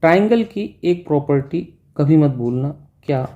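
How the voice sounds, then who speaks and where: Guy teaching physics, deep dark sound, talks straight to the kids, keeps asking "got it?". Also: expressive, moderate pace, highs cut off. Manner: explains step by step, repeating "ठीक है" to check in; speaks directly to students as "बच्चों" and "भाई". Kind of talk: classroom lecture.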